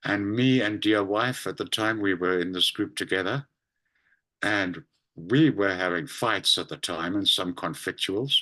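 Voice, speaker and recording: A man, a spiritual teacher, telling personal anecdotes in a vivid, expressive conversational way. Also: low-pitched, a little slow, poor audio. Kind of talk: conversational storytelling.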